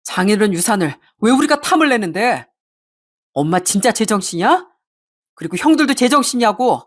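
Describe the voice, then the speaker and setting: A woman voicing an angry husband who shouts bitterly at his family. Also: medium pitch, sing-song, brisk. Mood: outraged. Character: furious, fed-up younger husband.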